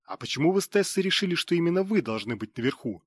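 A stern duke presses his questions with studied calm. A man voices him in an audiobook close to his own voice, in a dry, close recording. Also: fairly high pitch, fast talker, slightly rough, no room sound, pitched above the performer's own voice. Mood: pointed questioning. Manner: controlled, pointedly calm questioning. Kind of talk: audiobook character reading.

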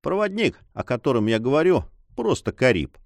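A man's voice: mid-range voice, big pitch swings, normal speed, vocal fry, dry recording, voice pushed up. A self-assured adventurer who toys with his listener, as a male reader voices him. His talk rises and falls with playful emphasis. Close, dry storybook reading. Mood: mocking. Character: mocking confident French adventurer, adult male.

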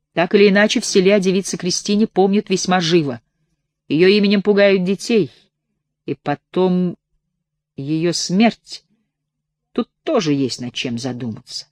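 A woman's voice: on the low side, a little mellow, no room sound, studio quality, lightly acted. A woman reading the part of an uneasy landowner who tells a grim village tale in a hesitant, confiding way.

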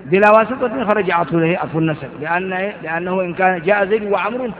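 A man's voice: sits high, quick pace. An older man teaching Arabic grammar in a lecture. He reads lines from a text and explains them with repeated examples and questions. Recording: tinny phone-like sound with long hall reverb.

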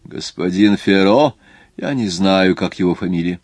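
A man playing a gruff, impatient coach conductor. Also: deep voice, unhurried, darkish tone, no echo.

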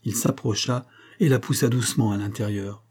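Reading a novel from a script, a man works as an audiobook narrator. His pitch is fairly low and his pacing stays calm and even.

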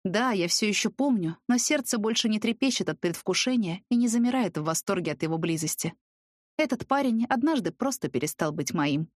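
A woman narrating a first-person romance audiobook in a soft, even storytelling voice. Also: medium pitch, brisk, no room sound, studio quality. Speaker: audiobook reader.

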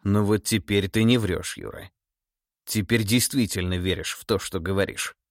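A man voicing a stern, cold middle-aged tsar in an audiobook, speaking in a measured, menacing, authoritative way. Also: fairly low pitch, no room sound, clean studio sound, lightly acted. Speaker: monarch interrogating a relative. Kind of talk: audiobook character voice.

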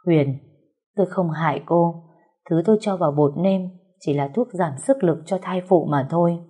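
A spiteful, vengeful woman rival, put on by a storyteller. The voice sits low and dark with a husky, breathy edge, and it comes across bitter and halting. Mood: remorseful. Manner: spiteful, then remorseful and halting.

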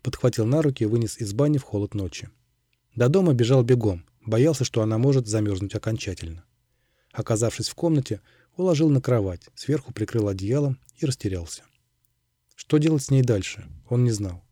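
Audiobook narrator, male, calm and measured, very dark mellow tone, dry close recording. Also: medium pitch, husky, no room sound.

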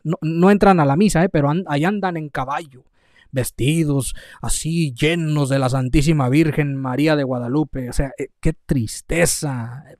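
A man's voice: on the high side, a little mellow, no echo, clean studio sound. Fiery Mexican preacher man scolding. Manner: scolding, emphatic repetition. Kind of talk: fiery livestream sermon.

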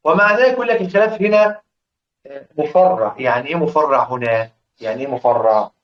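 A man's voice: medium pitch, expressive. Egyptian man teaching in an echoey room. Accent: Egyptian Arabic. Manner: questions the class, answers himself, chants quoted verse slowly. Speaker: Quran recitation teacher. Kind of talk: religious lesson explaining verse. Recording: echoey room, dull lo-fi sound.

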